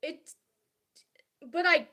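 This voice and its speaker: A young woman livestreaming, talking casually and hesitantly about her feelings, with many fillers and restarts. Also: extremely slow. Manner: confiding and soft-spoken about feelings.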